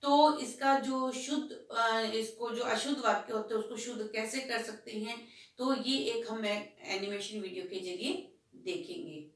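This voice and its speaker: A woman teacher talks slowly and patiently, her voice a little high. She asks the class questions and answers them herself. The sound is very echoey and comes from far off, as if a room mic picked her up. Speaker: school Hindi teacher. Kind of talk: classroom lesson explanation.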